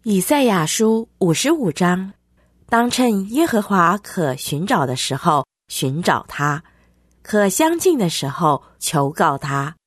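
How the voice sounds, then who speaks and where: A woman reading a scripture verse and explaining it in a measured way. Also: on the low side, big pitch swings, husky, dry recording, studio quality. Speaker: scripture reader.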